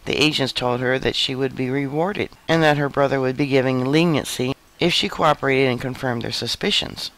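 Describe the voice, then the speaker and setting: A man giving a scripted news narration in an even, measured read. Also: mid-range voice, low-quality recording. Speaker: news reader.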